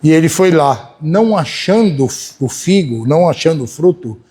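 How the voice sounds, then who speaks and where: A Brazilian pastor preaching to his church, his voice set a little high for a man. He talks in a homely, chatty way and keeps turning to the congregation with quick asides. His volume rises and drops as he preaches. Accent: Brazilian Portuguese. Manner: folksy, keeps asking the congregation "né?"; animated, swings between loud and soft. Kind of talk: sermon.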